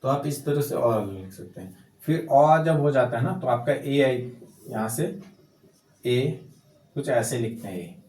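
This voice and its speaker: A man's voice: medium pitch, measured pace, long pauses, a little mellow. Male Hindi tutor, patient and repetitive, walking students through each letter step by step, roomy echoey sound. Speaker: Hindi teacher. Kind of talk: casual handwriting lesson. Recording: echoey room.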